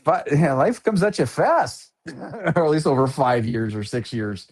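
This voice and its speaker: A man's voice: a little high, animated, measured pace, darkish tone, breathy edge. A man in his fifties, a guest artist in a casual interview, speaking in an easygoing way with frequent hesitations and ums. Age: 50s.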